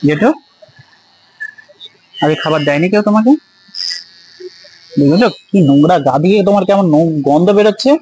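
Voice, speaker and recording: Guy vlogging outdoors, high voice, keeps asking stuff over and over, kinda scolding but gentle, faint noise around. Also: moderate pace, long pauses, poor audio. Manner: coaxing, gently scolding, repeats his questions. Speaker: vlogger helping a homeless man. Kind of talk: casual street vlog talk. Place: outdoors on a street.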